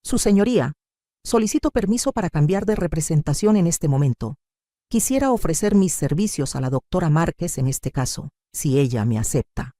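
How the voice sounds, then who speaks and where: A remorseful male lawyer speaks with respect and earnest humility, as a woman narrator puts him on. His voice is mellow, and his pitch rises and falls in a lively way. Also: normal speed, no room sound, studio quality, close to an everyday voice. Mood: deferential. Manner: deferential, earnest.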